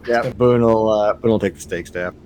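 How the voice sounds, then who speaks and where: A man's voice: lowish voice, moderate pace, darkish tone, a little hiss or hum. A man chatting casually as a player in a tabletop game.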